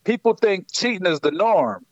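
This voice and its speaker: Brief: man from Ohio, high voice, dry close sound, slangy and animated interview guest. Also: moderate pace, dry recording, muffled recording. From Akron, Ohio. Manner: animated storytelling, street slang, frequent "you know what I'm saying". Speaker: guest musician. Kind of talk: casual interview by phone. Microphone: phone line.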